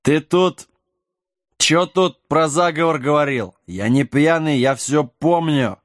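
A man's voice: on the high side, takes it slowly, no room sound, clean studio sound. A man voicing a drunk, boastful self-styled mad king in a storybook reading, with slurred, swaggering speech. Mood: tipsy, merry.

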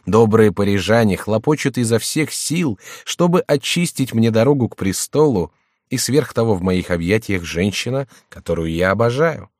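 A man's voice: fairly low pitch, lively intonation, normal speed, darkish tone, dry recording, studio quality, close to an everyday voice. A man voicing an amorous young king, effusive and declamatory, in an audiobook reading. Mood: elated. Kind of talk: audiobook character voice.

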